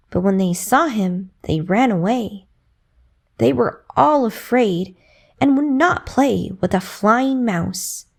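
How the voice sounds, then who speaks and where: A woman tells a children's bedtime story rhythmically and expressively, with dramatic emphasis. Her voice is fairly high and has some vocal fry.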